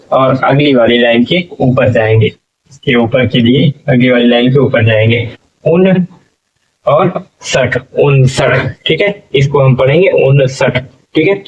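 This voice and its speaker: Male teacher, classroom lesson, slow and patient, keeps asking "okay?", distant muffled sound. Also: medium pitch. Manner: patient, drawn-out syllables, frequent "okay?" checks.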